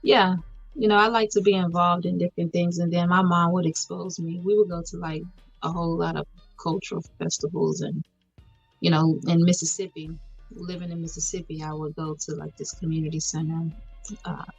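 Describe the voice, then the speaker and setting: A woman in her thirties from Houston, a podcast guest speaking in a measured, thoughtful way with many fillers. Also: on the low side, level tone, creaky, slightly rough, no room sound, faint music behind. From Houston, Texas, US. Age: 30s. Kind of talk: casual podcast interview. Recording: dull lo-fi recording.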